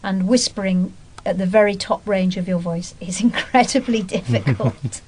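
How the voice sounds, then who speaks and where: A woman voice actress reflects on her role in an interview. She speaks at a mid-range pitch in a measured, thoughtful way, with faint noise behind her. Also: expressive, a little mellow, rough recording. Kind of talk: interview answers.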